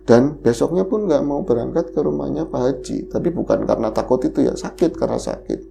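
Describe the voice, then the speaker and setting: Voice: mid-range voice, a little fast, vocal fry, warm tone, slight background noise. A podcast host animatedly retelling a horror story in casual chat, the voice leaping up at the scary moments.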